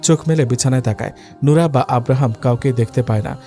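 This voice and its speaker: A man narrating a dramatic story in a steady, scripted reading. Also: mid-range voice, quick pace. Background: faint background music.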